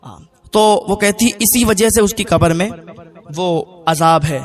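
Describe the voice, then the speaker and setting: A man's voice: sits high, faint music behind. A male Islamic preacher telling a moral story in an earnest, moralizing sermon and addressing his listeners as brothers.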